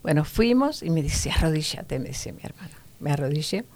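Speaking briskly in a deep voice, a middle-aged woman recounts a childhood story during a casual interview. She's an animated storyteller who performs both her childhood self and her sister.

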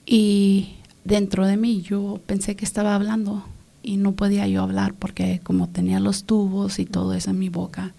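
Woman, native English speaker, interview guest, faith testimony, soft and earnest, frequent whispering, narrow pitch range, gravelly. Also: flat delivery, moderate pace. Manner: soft, often drops to a whisper.

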